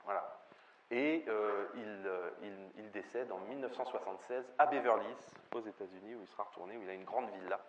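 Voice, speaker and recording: A man's voice: on the low side, fairly quick. A man giving a spoken film lecture, often hesitating with fillers and restarts. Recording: dull lo-fi recording with faint ambient noise.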